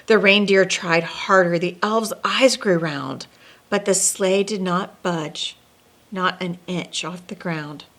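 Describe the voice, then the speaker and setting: With a voice on the low side and a fairly bright tone, a female host narrates a children's picture book. She reads expressively, pausing dramatically and dropping in conversational asides.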